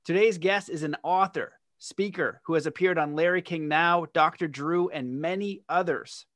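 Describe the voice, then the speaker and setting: Earnest male podcast host, fairly high voice. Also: moderate pace, fairly bright tone, no echo. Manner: earnest, promotional, with many fillers. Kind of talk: podcast intro and interview.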